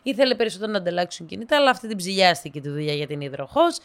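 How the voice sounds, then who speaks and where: Chatty and relaxed, this woman shares funny stories with her listeners, animating the dialogue through abrupt leaps upward in pitch. Between those lively bits she slips into low, quiet asides.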